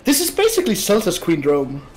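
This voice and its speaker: A man chatting casually and joking while playing a game with friends, shouting short bursts during the action. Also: high voice, huge pitch swings, a little fast, poor audio. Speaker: co-host gamer. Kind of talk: casual gaming chat.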